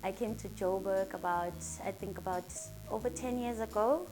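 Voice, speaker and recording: A woman in her thirties from Durban, who owns a salon and speaks with a South African accent, takes interview questions at normal speed in a mid-range voice. Her manner is earnest, upbeat and motivational, and music plays behind her.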